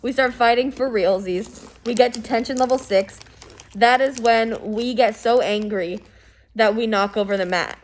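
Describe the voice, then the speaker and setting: A woman's voice: on the high side, moderate pace, slight background noise. Rambling young woman planning a skit. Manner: rambling, filler-heavy, frequent swearing. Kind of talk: casual planning chat.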